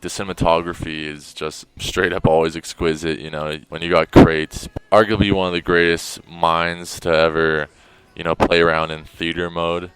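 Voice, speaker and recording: A man's voice: low voice, a bit bright. A man hosting a countdown, talking in a loose, rambling way full of "like" and "you know". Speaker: video host ranking montages. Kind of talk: casual countdown commentary.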